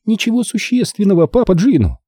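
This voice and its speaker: A man putting on a high, taunting young woman. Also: very animated, fairly quick, warm tone, dry recording, clean studio sound. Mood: tense. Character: sharp-tongued young woman, tense and mocking. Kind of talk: audiobook character voice.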